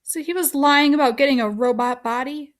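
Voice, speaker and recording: A woman reads as a teenage boy from a storybook, torn up with grief and anger. His voice climbs higher and louder as he presses for answers, urgent and pleading. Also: brisk, lightly acted. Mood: distraught. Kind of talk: audiobook reading.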